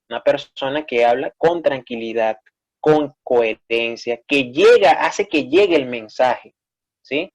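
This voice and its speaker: Peruvian man explaining a lesson. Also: medium pitch. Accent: Peruvian Spanish. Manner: explanatory, frequent checking "¿sí?". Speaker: teacher. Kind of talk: online class instruction.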